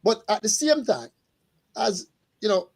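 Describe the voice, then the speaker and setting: A middle-aged man, a school custodian telling lively stories in casual chat and acting out the dialogue. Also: high-pitched, unhurried, vocal fry. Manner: animated storyteller, acts out dialogue.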